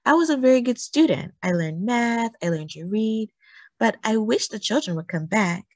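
With a fairly high-pitched voice, a woman tells a children's story expressively, shaping her phrases deliberately and adding emphasis. The recording carries no room sound.

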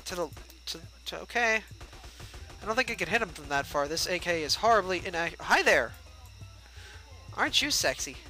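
A man's voice: high voice, very animated, moderate pace, pauses often, pushed and bright, faint music behind, rough recording. A young man giving casual, joking let's-play commentary and chatting at the game's characters. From United States. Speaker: gameplay livestreamer.

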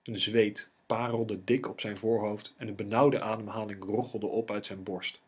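A male audiobook narrator reading a classic novel. His voice has a husky grain, and he keeps a steady, measured delivery through the prose. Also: fairly low pitch. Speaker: audiobook reader.

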